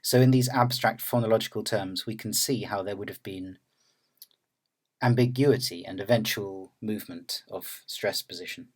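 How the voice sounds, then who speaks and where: A man narrating an academic lecture in a measured, explanatory way. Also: fairly low pitch.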